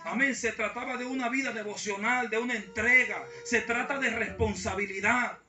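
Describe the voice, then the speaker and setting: A man's voice: very high voice, fairly even intonation, normal speed, bright, forceful tone. A man, a pastor preaching a sermon and calling out again and again to the congregation. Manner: preaching with repeated call-outs to the congregation. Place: church. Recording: echoey church hall from far off.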